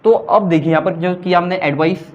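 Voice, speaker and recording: High-voiced man teaching grammar. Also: steady tone, brisk, dull audio. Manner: mixes Hindi with English examples, quizzes students with questions. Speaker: English teacher. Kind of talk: classroom grammar lecture.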